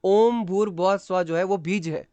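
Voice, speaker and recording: A man's voice: sits high, normal speed, dark tone, no echo. A man teaching an astrology class over a video call, explaining patiently, mixing in English terms and checking that students follow. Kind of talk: online class lecture.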